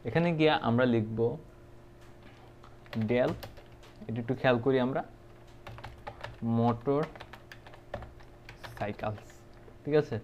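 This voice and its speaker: A man's voice: mid-range voice, takes it slowly, pauses often, darkish tone, highs cut off, a little hiss or hum. A man giving a casual programming tutorial, thinking aloud with many fillers and checks. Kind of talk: casual screen-recorded coding tutorial.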